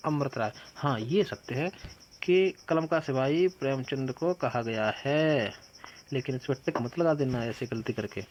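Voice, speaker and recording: A man's voice: medium pitch, unhurried, muffled recording, a little hiss or hum. Guy teacher doing exam prep, jokes around with silly memory tricks, asks and answers his own questions, faint crickets chirping behind. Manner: addresses students as "bhaiya". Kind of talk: exam-prep quiz lesson.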